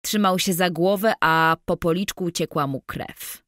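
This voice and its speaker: A woman narrating an audiobook in a measured, even storytelling manner. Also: lowish voice, no echo, clean studio sound.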